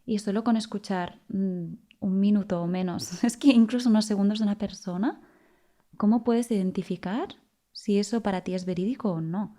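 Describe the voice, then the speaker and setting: A woman hosts a podcast and shares her thoughts in a conversational interview. Her voice is mellow and warm and sits at a middle pitch. She speaks thoughtfully, pausing to search for words. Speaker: podcast host.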